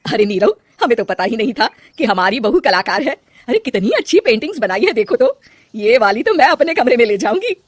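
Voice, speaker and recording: A woman voicing a middle-aged mother-in-law who talks in a loud, commanding way. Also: on the high side, sing-song, brisk, dry recording, studio quality. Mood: warm.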